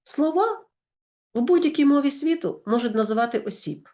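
Ukrainian woman, schoolteacher, lively explanatory delivery with frequent self-corrections. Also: medium pitch, normal speed. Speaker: teacher.

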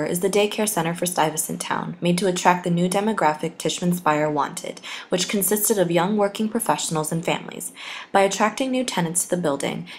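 A young woman narrating a scripted walking-tour voice-over, reading steadily from her script like a tour guide. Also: on the low side. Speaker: student narrator.

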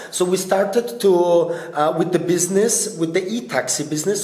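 A man in his thirties, born in Bosnia and raised in Austria, speaks in a high, slightly mellow voice as an interview guest; he works in startup business development. Standing before a logo backdrop in an indoor event press area, he answers earnestly in slightly halting non-native English, with hesitance and frequent fillers, and the recording sounds roomy.

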